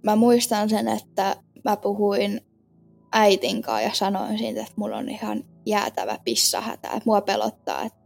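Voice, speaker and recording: A woman earnestly retelling a personal experience in casual speech, halting with fillers and often sinking low and soft at the ends of phrases. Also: lively intonation, gravelly, soft background music. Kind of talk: personal story told in casual spoken Finnish.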